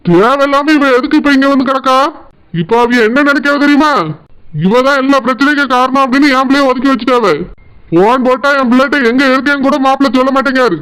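A performer doing a high-voiced angry village father. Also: steady tone, fast, clear, resonant tone, rough recording. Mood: distressed. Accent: Tirunelveli Tamil. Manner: accusing, complaining, forceful. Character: angry village father, the woman's brother-in-law. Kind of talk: cartoon voice acting.

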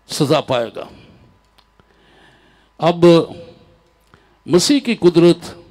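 An older man preaching a sermon from a church pulpit, slow and emphatic, repeating key phrases into a handheld mic. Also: sits high, a little mellow. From Pakistan. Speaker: pastor. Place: large church stage with a crowd.

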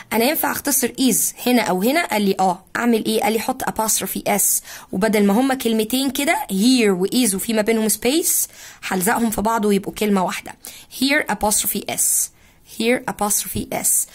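A middle-aged woman with an Egyptian Arabic accent teaches an English lesson at a measured pace. She breaks words apart, repeats them slowly and keeps checking in with questions. Her voice sits at an ordinary middle pitch. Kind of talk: explaining a lesson.

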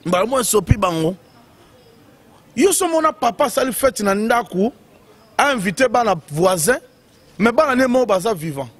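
High-voiced man, animated chatter. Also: a little slow, pauses often, husky, no echo. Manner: animated, emphatic, short bursts with many fillers. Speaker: commentator. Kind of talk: casual commentary on music news.

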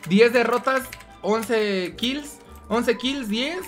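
A man's voice: very high-pitched, drawn-out words, a bit bright, faint music behind. A young man with a Mexican accent streaming a game, teasing and taunting his opponent in crude casual banter.

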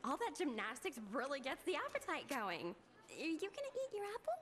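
A woman's voice: high voice, huge pitch swings, a little fast, a bit bright, exaggerated voice. An actress playing a bubbly, fashion-loving teenage girl who gushes in trendy slang. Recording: cartoon soundtrack with music.

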